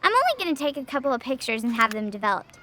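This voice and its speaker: A showy young photographer kid voiced by a woman orders his friends into place. His voice is high and bright and jumps about as he commands. A faint hiss sits under the lines. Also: big pitch swings, racing, full character voice. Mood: bossy eager. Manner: showy, commanding, directs others. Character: bossy, confident young boy animal photographer. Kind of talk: radio drama acting.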